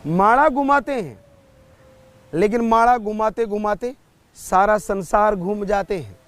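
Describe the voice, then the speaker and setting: A man giving a spiritual sermon, telling a story in a slow, measured way. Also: high-pitched, fairly bright tone. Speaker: spiritual preacher.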